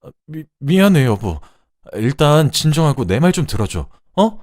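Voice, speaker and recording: A man's voice: fairly low pitch, sing-song, moderate pace, a little mellow, no echo, studio quality. A man voicing a guilt-ridden husband who pleads and stammers through tears. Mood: pleading. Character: desperate, guilt-ridden husband begging forgiveness.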